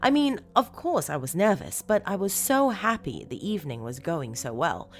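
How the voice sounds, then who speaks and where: A woman narrates a first-person horror story as a disturbed, obsessive woman who confides with eager, unsettling fondness, delivering it dramatically with deliberate pauses. Her voice sits on the low side with big pitch swings, and the mood is excited and confiding.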